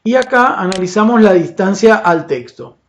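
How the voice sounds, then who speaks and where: A man teaching a software lesson over a screen recording, patient and explanatory, often checking in with his students and pausing on "eh". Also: high voice, expressive. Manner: patient, explanatory, frequent "¿sí?" and "fíjense" check-ins; filler "eh" and "este" between phrases. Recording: dull lo-fi audio with faint hiss.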